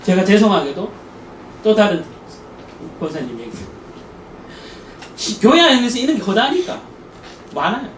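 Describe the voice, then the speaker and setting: A man giving a church parenting lecture, telling anecdotes in an animated way and acting out the people he quotes. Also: sits high, moderate pace, long pauses. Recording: echoey room, distant mic, faint noise.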